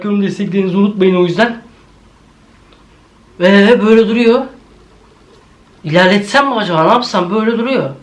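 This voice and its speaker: A man's voice: high-pitched, low-quality recording. A male YouTuber giving a jumpy horror video reaction, swearing often and talking straight to his viewers.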